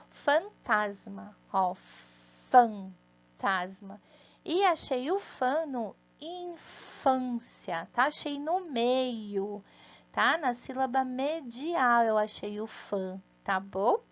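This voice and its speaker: Slow, patient Brazilian woman teaching children. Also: high voice, a bit bright, highs cut off. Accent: Brazilian Portuguese. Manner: slow, patient and sing-song, with frequent "né?" and "tá?" checks. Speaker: first-grade teacher. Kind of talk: recorded remote lesson for young children.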